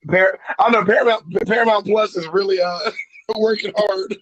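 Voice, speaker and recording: A man's voice: high voice, fairly even intonation, normal speed, fairly bright tone, no echo, highs cut off. A man co-hosting a podcast in casual chat, telling stories in a playful, joking way. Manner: playful storyteller, jokey. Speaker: podcast co-host.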